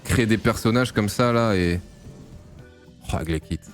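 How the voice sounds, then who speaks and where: A man from France breaks down a game replay in relaxed, teasing chat. He jokes, swears freely and keeps bursting into exclamations, with faint music under his voice. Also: lowish voice, a little slow. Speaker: StarCraft grandmaster analysing a replay. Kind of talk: casual gameplay commentary.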